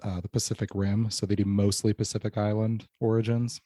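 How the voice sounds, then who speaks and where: A man hosting a podcast, leading a tasting in a measured, informative way. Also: lowish voice, flat delivery, warm tone, no room sound, studio quality. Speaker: podcast host. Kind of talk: casual podcast chat, guided tasting.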